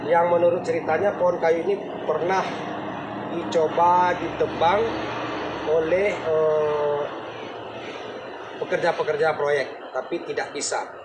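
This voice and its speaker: A very echoey, noisy location recording of a man with a fairly high voice. He hosts a ghost-hunting vlog at night, talking to viewers in a halting way and often searching for his words. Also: far from the mic. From West Sumatra, Indonesia.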